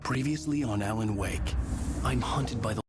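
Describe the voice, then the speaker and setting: A man's voice: lowish voice, normal speed, natural voice. An actor playing a haunted, sardonic writer who narrates his own thriller in a video game, wry and dramatic. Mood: grim, weary. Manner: wry, sarcastic. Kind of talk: dramatic first-person game narration and dialogue. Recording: loud music behind.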